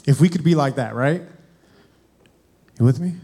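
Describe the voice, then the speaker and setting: A man's voice: medium pitch, normal speed, warm tone, husky. A young man preaching a sermon, addressing the congregation directly with questions. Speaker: guest preacher.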